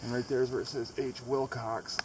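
A man's voice: mid-range voice, little pitch movement, brisk, noisy background. A man showing his family's land outdoors, casually reminiscing and unsure of some details. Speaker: landowner guide. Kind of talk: casual chat. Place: outdoors in a forest.

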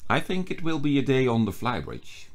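A man, a boat skipper narrating his travel vlog calmly, explaining each step. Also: medium pitch. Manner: calm, unhurried, explaining step by step.

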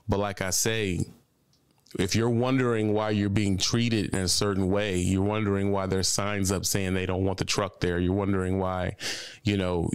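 A man's voice: lowish voice, smooth, no room sound. A man in his thirties hosting a trucking channel, giving blunt, preachy commentary with lots of repeated phrases, speaking into a studio mic. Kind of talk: commentary on a reaction video. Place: home studio with colored lights. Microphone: studio mic on a boom arm, headphones.

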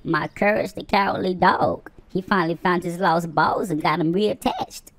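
A woman's voice: on the low side, normal speed, fairly bright tone, faint music behind. A woman voicing a savage, foul-mouthed old grandma in a teasing, crude comedic game role-play. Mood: bawdy teasing. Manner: grandma voice, teasing, crude, calls people sugar.

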